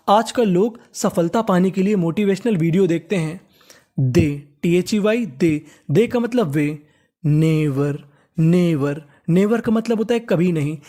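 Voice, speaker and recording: An adult teacher, giving a step-by-step lesson, spelling words letter by letter and repeating them slowly. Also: mid-range voice, mellow. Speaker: English teacher.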